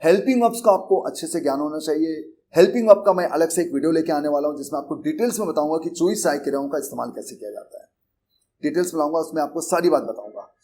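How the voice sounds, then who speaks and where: A man's voice: on the high side, fast talker, mellow. A middle-aged man with an Indian accent, speaking earnestly and conversationally as he teaches, mixing English terms into Hindi and often repeating himself. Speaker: English teacher and coaching institute founder. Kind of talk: Hindi lecture on learning English.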